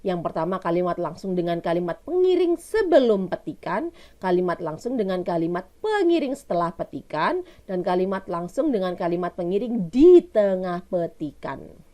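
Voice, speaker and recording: A woman's voice: on the low side, very animated, normal speed, dark tone. A woman teacher with an Indonesian accent giving a recorded lesson, explaining step by step and asking her pupils questions she answers herself.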